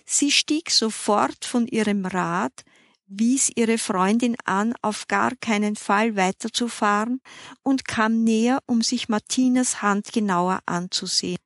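A woman reading a children's story aloud in a measured, even manner. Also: on the high side, no room sound, clean studio sound. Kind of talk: scripted narration.

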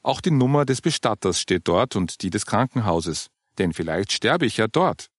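A man reading the part of a calm older churchgoing woman who patiently explains her funeral plans. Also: lowish voice, moderate pace, no room sound, studio quality. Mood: explaining.

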